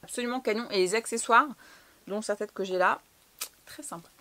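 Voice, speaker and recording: Young woman, chatty, slangy, casual haul vlogger, mid pitch. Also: fairly quick, sharp tone. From France. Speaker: fashion vlogger.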